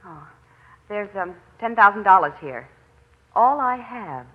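A woman's voice: mid-range voice, lively intonation, unhurried. An actress playing an earnest young woman with a hesitant, pleading manner in an old radio drama. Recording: dull old radio recording, music behind.

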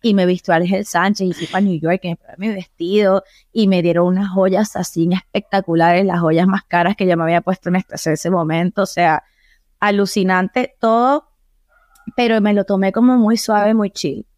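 A young Venezuelan woman from Caracas, a singer chatting as an interview guest, telling stories in a lively way and dropping English phrases into her Spanish. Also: mid-range voice, normal speed, no echo, studio quality. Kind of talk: casual interview chat.

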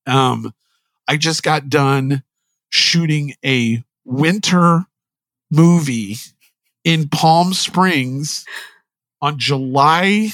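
A man's voice: on the high side, drawn-out words, long pauses, fairly bright tone, dry recording. A middle-aged man talking as a guest in a podcast interview, candid and self-deprecating, rambling with many restarts and jokes. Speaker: line producer, guest.

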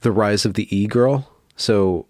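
A man's voice: lowish voice, a little slow, a little mellow, dry recording, clean studio sound. A man hosting a podcast in casual chat, playful and loose, often hedging with fillers. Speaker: podcast host.

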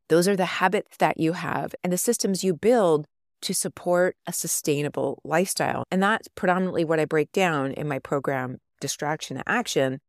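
Older lady podcast host, low voice, upbeat and encouraging, really dry close sound. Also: a little mellow, no room sound. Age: 50s or older. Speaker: podcast host and life coach. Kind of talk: podcast monologue.

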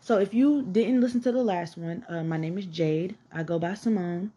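At normal speed, a woman with a fairly low pitch, warm tone and breathy edge hosts a podcast. She's in her twenties, from Atlanta, Georgia, with a Southern accent, and chats candidly about her life, swearing and using "like" a lot.

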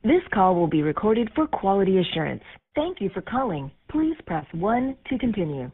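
A woman's voice plays as an automated phone prompt, stiff, with each word spliced in from separate recordings. Her pitch swings up and down from one word to the next. She sounds slightly husky through a thin, tinny phone line. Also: normal speed. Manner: formal, even prompt delivery. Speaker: automated phone system announcer. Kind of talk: recorded phone menu announcement.

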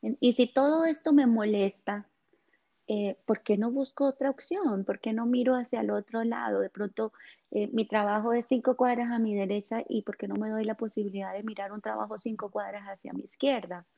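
A woman, a guest, talking in a gentle, hesitant way with many fillers, explaining in casual conversation. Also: mid-range voice, fairly even intonation, normal speed, vocal fry, dull audio. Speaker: guest on chakras and essential oils.

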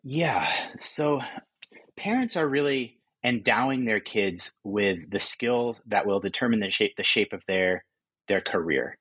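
Low husky-voiced male author, dry sound. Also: expressive, unhurried, fairly bright tone, dry recording, rough recording. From California. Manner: thoughtful, with frequent restarts and fillers. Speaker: author and guest. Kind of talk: interview answers.

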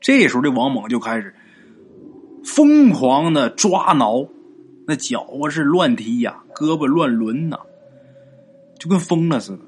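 A man's voice: sing-song, a little slow, long pauses, breathy edge, faint music behind. A man, casually telling a ghost story and acting out the characters' lines. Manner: colloquial, acts out characters' lines with big pitch jumps.

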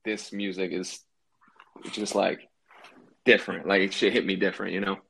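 Over a low-quality recording with a little hiss or hum, a young New Hampshire rapper speaks in a low, gravelly, somewhat bright voice, flat and at normal speed. Guesting on a casual podcast interview, he stays laid-back and keeps saying "like" and "you know what I mean."

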